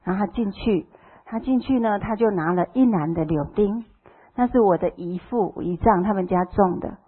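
Husky middle-aged woman with a Taiwanese accent. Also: mid-range voice, moderate pace. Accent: Taiwanese Mandarin. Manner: emotional storytelling, acting out quoted dialogue. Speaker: church member giving testimony. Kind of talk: personal testimony to a congregation. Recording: tinny phone-like sound.

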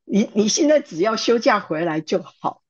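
A woman's voice: mid-range voice, lively intonation, normal speed, husky. A woman voicing an older mother-in-law who apologizes and pleads with tearful remorse, on a dull lo-fi recording. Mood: remorseful pleading.

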